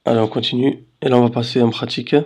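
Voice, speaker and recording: A man teaching Arabic letters in a slow voice-over lesson, patiently checking understanding and drawing out syllables. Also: mid-range voice, flat delivery, darkish tone, slightly rough. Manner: drawls syllables slowly for demonstration. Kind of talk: slow screen-recorded lesson.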